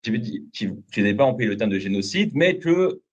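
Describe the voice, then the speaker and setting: A man's voice: medium pitch, sing-song, normal speed, dull audio. A man arguing as a debate guest, pressing and repeating accusing questions. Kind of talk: heated televised debate.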